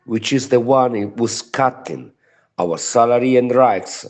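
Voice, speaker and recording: A man's voice: mid-range voice, measured pace. A man from Italy with an Italian accent, a native Italian speaker, giving a prepared trade union statement in broken English. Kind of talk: prepared political solidarity statement.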